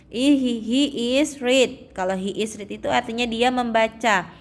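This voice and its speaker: A young adult woman teaching English to children, drawing out example phrases slowly and checking in often. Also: on the high side. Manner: slow, drawn-out reading of English phrases, frequent "ya" checks. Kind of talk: explaining English lesson to children.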